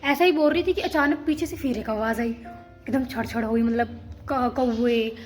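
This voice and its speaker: A woman's voice: on the high side, moderate pace, soft background music. A young woman from Himachal Pradesh telling a story to her vlog viewers in a rambling, chatty way, full of restarts. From Himachal Pradesh, India. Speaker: vlogger. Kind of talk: casual storytelling to camera.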